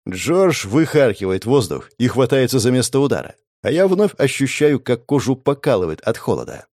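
A man's voice: medium pitch, big pitch swings, normal speed, darkish tone, no room sound, studio quality. A man giving gritty, intense first-person fantasy audiobook narration, swearing now and then.

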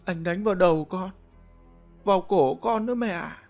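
A man's voice: high voice, moderate pace, vocal fry, muffled recording, soft background music, pitched above the performer's own voice. A man voicing a small, sick, frightened little boy who whimpers and whispers.

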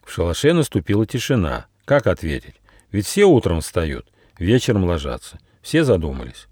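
A man narrating his own children's fairy tale, expressive and playful. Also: low-pitched, moderate pace, breathy edge, dry recording, clean studio sound. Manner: expressive, switches into many character voices. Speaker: author reading his own book. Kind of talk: storybook narration with character voices.

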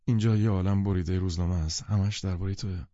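A man voicing a wealthy, eager man who speaks briskly and insistently in an audiobook. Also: low voice, fairly even intonation, mellow, no echo, close to an everyday voice. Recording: dull lo-fi recording.

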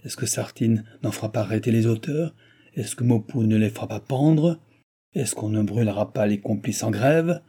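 A man's voice: lowish voice, moderate pace, mellow, breathy edge. A man reading aloud as a hot-tempered noble viscount who rages and curses, in a storybook reading. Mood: furious. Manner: raging, cursing.

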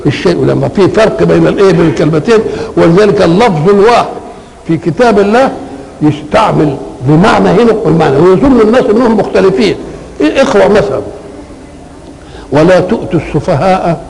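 An older man with an Egyptian Arabic accent, explaining Quranic verses in a conversational lecture, asking questions and answering them himself, slowing down to recite. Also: high-pitched, animated, creaky, a little mellow, a little hiss or hum, low-quality recording. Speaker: Quran commentator. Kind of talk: colloquial Quranic exegesis lecture.

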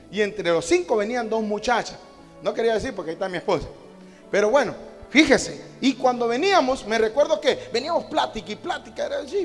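A man from Honduras preaching from the pulpit, telling stories and swelling to shouted climaxes, calling the congregation "hermano" again and again. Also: very high voice, long reverb tail. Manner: storytelling, repeats "hermano" and "amados hermanos" as refrains; builds to loud shouted climaxes. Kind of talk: sermon. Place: church, at the pulpit.

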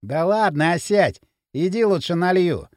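A man reading an audiobook, voicing an easygoing young guy who speaks slowly and offhandedly. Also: sits high, big pitch swings, darkish tone, no echo, clean studio sound. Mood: lazy. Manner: unhurried, offhand. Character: easygoing young male driver, lazy. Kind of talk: audiobook character voice.

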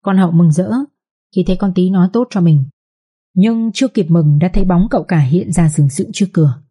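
A woman narrating a dramatic story in a steady storytelling manner. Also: on the low side, brisk, husky.

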